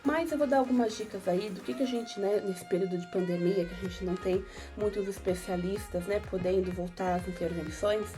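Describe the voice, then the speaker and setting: A woman's voice: medium pitch, fairly quick, few pauses, over music. A woman with a Brazilian Portuguese accent, a mother and neuropsychopedagogue, giving parents advice in an informal, conversational way and often adding tag questions. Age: adult mother of young children. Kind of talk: informal educational talk to parents.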